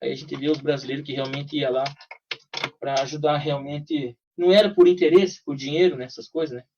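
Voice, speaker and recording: A man telling a war story casually, animated, slangy and profane, acting out the shouts of others. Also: a little high, brisk, a little hiss or hum. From Brazil. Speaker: guest telling war stories. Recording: dull lo-fi sound, slightly distant mic.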